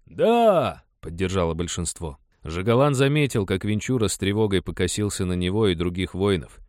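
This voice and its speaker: A man narrating an audiobook in an even storytelling manner. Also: deep voice, fairly quick, no echo, clean studio sound.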